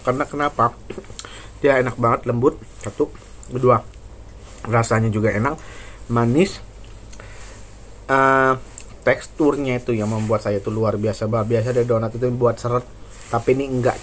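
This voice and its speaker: A man's voice: mid-range voice, a little hiss or hum. A man in his thirties doing a casual food review, chatty and slangy, filming himself on a phone in a small indoor room. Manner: chatty, slangy, eating while talking. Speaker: food vlogger. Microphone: phone camera at arm's length.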